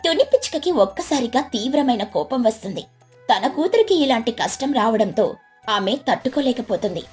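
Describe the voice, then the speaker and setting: A woman with a high, light voice narrates a cartoon story in a lively, expressive way. Faint music plays under her narration. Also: moderate pace. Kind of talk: scripted narration.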